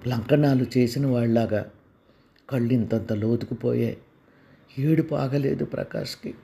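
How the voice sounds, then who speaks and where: A man narrating a dramatic family story in a soft, sorrowful way. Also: mid-range voice, normal speed, creaky.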